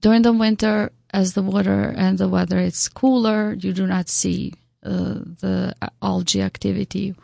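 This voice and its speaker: A woman from Albania with an Albanian accent, giving unscripted interview answers in a halting way, searching for words. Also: mid-range voice, little pitch movement, creaky, dark tone, no echo, studio quality. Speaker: interview guest, local artist.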